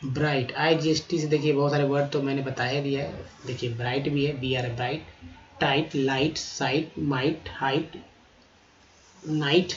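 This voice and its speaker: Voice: medium pitch, steady tone, moderate pace. A teacher going through a vocabulary list, repeating each word and spelling out its letters. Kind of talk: vocabulary lesson. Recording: roomy echo, slightly dull lo-fi sound.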